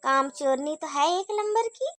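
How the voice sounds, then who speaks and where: A gossipy elder daughter-in-law, voiced by a woman, grumbles about the household in a cartoon story. Her voice is very high and bright, recorded dry and close. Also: expressive, measured pace, dry recording, heavily acted. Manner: gossiping, complaining.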